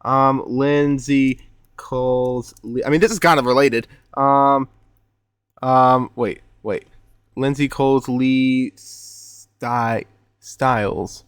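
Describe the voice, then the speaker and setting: Young male streamer, loose and excitable, middle pitch, dead-dry desk mic. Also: slow pace, clear, resonant tone, no room sound. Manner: excitable, swears a lot, says "bro". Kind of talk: casual live-stream reaction.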